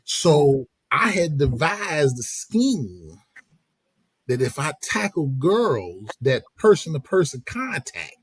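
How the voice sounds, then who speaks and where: A middle-aged man tells stories on a podcast. His voice sits a bit high for a man and comes across lively. The recording is close and dry, with no room sound. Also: slow, breathy edge, no room sound. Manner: animated, laughing, slips into quoted voices. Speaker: podcast host. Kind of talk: casual storytelling chat.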